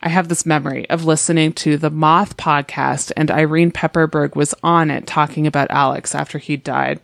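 A woman's voice: low voice, fairly even intonation, normal speed, vocal fry, dry recording, studio quality. A woman telling animal stories in casual podcast chat, full of fillers. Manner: chatty storytelling with many fillers. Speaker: podcast guest.

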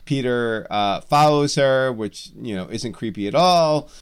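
Male podcast co-host, mid-pitched and smooth, loose rambling chat. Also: unhurried. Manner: rambling, jokey, many fillers. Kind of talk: casual comics podcast chat.

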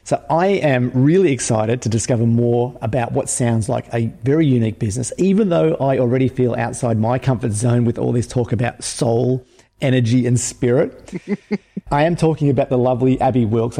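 A man hosting an interview, reading a measured introduction and asking questions in an earnest way. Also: medium pitch, vocal fry, mellow, long reverb tail. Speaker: podcast host.

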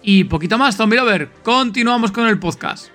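Over music, this high-voiced, animated man talks at a moderate pace while hosting his podcast. He has an accent from Spain and handles announcements and chatter in a relaxed, eager, talkative way.

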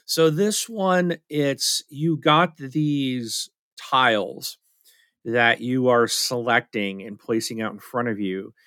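A man's voice: medium pitch, slow, fairly bright tone, smooth, dry recording. A middle-aged man chatting casually as a podcast co-host, rambling and telling stories with many fillers. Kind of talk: casual chat.

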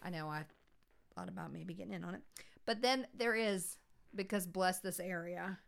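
A woman's voice: lowish voice, normal speed, gravelly. A woman with a Southern accent co-hosting a podcast, chatting eagerly about local events. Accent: Southern American. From South Carolina Lowcountry. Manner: chatty and enthusiastic, with Southern turns of phrase. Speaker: podcast co-host. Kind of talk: casual chat.

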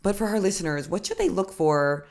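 A woman hosting a podcast, husky from a cold, asking questions in a joking, casual way. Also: lowish voice, animated, fairly quick, darkish tone. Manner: joking, asks questions, laughs at own jokes. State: sick with a cold, voice gone husky. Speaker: podcast host.

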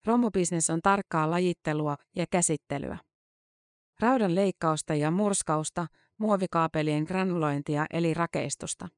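A woman reporter reading a scripted news-feature narration in a measured, matter-of-fact way. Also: fairly low pitch, dry recording, studio quality.

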